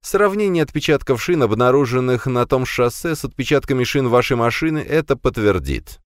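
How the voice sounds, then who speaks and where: A man's voice: mid-range voice, expressive, fairly quick, dry recording, clean studio sound, voice pushed up, close to an everyday voice. A man doing a sarcastic police interrogator. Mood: calm. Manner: mocking, pressing questions.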